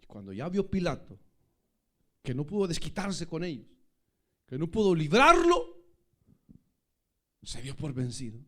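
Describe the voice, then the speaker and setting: A man preaching a sermon as pastor, animated and acting out scenes with sudden shouts. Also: a little high, measured pace, long pauses.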